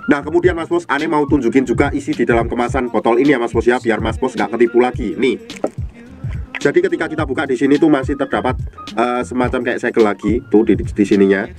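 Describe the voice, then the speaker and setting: A man's voice: medium pitch, fast, darkish tone, soft background music. A young man with a stuffy, nasal voice from a cold, chatting casually as he shows off a product and keeps addressing the viewer directly. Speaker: herbal product seller and host.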